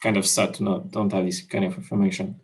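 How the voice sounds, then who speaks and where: A man's voice: fairly low pitch, level tone, fast. A man from Switzerland, a crypto developer, chatting on a video call in a hesitant way, with lots of fillers and restarts. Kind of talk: casual video call chat.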